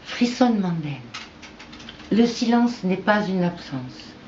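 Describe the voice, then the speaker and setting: A woman reading her own poetry aloud in an unhurried, measured recitation with pauses between verses. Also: medium pitch, animated, darkish tone, slight background noise. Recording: echoey, dull lo-fi room recording.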